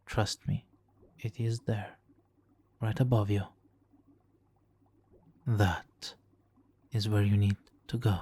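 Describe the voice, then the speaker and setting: Slow and often pausing, his lowish voice is dark, slightly rough, and barely moves in pitch. He's an audio roleplay performer in an ASMR hypnotic countdown, playing a suave, manipulative supervillain who's silky, theatrically polite, and smugly doting, slipping into whispers at times, for a soothing, hypnotic effect.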